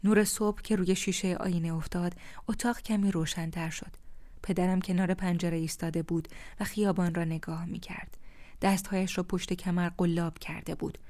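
A woman reads a first-person story aloud in a calm, measured, contemplative way. Her voice sits low and sounds mellow and dark. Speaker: narrator.

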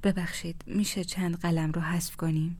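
A woman voicing a weary, proud mother who speaks softly in a half-whisper in a storybook reading. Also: on the low side, flat delivery. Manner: soft, hushed, half-whispered. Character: weary, proud young mother, quiet and restrained.

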